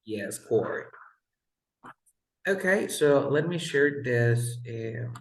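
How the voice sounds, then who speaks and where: A man's voice: medium pitch, expressive, vocal fry. Guy teaching english on a video call, patient, kinda echoey room. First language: Spanish. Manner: patient, explains pronunciation slowly. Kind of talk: online one-on-one lesson. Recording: roomy echo.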